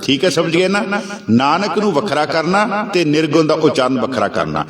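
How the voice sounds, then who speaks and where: Guy teaching scripture recitation, slow careful chanting, kinda high voice, roomy echo. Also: very animated. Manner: slow, careful chanting of verses between explanations.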